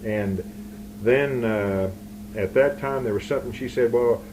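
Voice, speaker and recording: A man's voice: on the low side, unhurried. Rambling male interviewer on a noisy tape. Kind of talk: casual conversational interview. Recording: noisy 1981 amateur interview recording.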